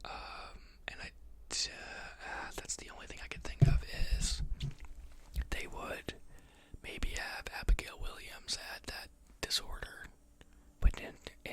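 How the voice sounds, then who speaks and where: An ASMR host with a teaching style moves from reading a book to thinking aloud. Speech stays a soft, slow whisper, frequently interrupted by pauses and fillers.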